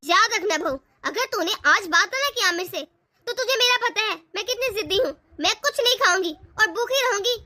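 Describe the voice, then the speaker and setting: A woman delivers a stern, nagging older mother-in-law character for a homemade family drama, scolding stubbornly in a very high, pushed and bright, exaggerated voice. She is expressive and talks a little fast.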